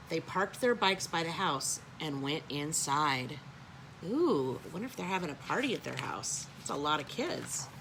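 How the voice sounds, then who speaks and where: A woman reads picture books aloud to young children and stops for gentle, chatty asides. Her voice is bright and her pitch moves a lot, a bit lower than most women. A faint hum lies under the recording. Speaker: storytime reader.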